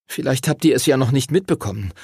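A man's voice: mid-range voice, lively intonation, fast talker, darkish tone, slightly rough, no room sound, clean studio sound, voice pushed up. A man voicing a proud, stubborn schoolboy. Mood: defensive. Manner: defensive and snappish.

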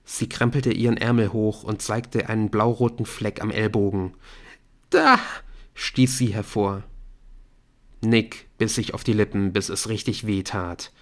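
A man narrating an audiobook in a steady, even reading voice. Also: on the low side, normal speed.

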